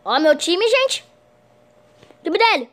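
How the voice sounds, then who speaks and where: Very high, excitable young gamer girl. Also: slow pace. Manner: excitable, shrieks at goals, keeps saying "gente". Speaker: gameplay commentator. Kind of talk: excited gameplay commentary.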